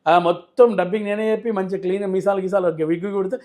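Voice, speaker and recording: A man's voice: high voice, fairly even intonation, fast, a little mellow. A man, a comedian chatting animatedly as an interview guest. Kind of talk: casual interview chat.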